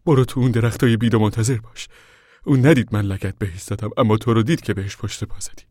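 A man voicing a stubborn male preacher who gives urgent commands in a husky voice. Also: fairly low pitch, steady tone, a little mellow, dry recording, clean studio sound, voice pushed up, lightly acted.

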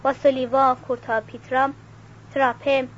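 A woman's voice: high-pitched, flat delivery, muffled recording, slight background noise, lightly acted. A woman reading the lines of a courteous young nobleman who lives in the trees.

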